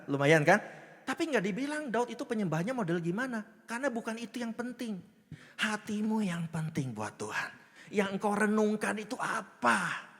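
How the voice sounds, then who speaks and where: A man preaching a lively sermon as pastor, joking and acting out little voices while often checking in with the congregation. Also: high-pitched. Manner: animated, jokes and acts out voices, asks the congregation often. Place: church hall. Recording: long hall reverb.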